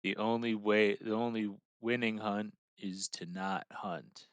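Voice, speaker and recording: Laid-back low-voiced man, dry sound. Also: steady tone, unhurried, clear, resonant tone, no room sound. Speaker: player in a tabletop role-playing game. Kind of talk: casual in-character chat and action description.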